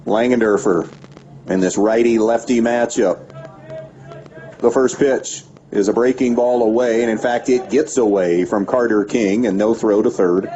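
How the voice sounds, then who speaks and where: Male radio play-by-play voice, warm low tone, steady pitch-by-pitch calls, muffled lo-fi broadcast. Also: unhurried. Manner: steady pitch-by-pitch calling with stats between pitches. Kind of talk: baseball play-by-play commentary. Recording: dull lo-fi radio broadcast with faint background noise.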